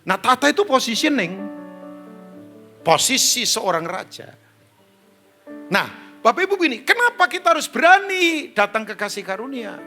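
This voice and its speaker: Soft background music accompanies a middle-aged, Indonesian-accented pastor whose very high voice moves at normal speed with long pauses. His sermon tells stories in an animated, joking way as he acts out conversations and talks to the band and congregation.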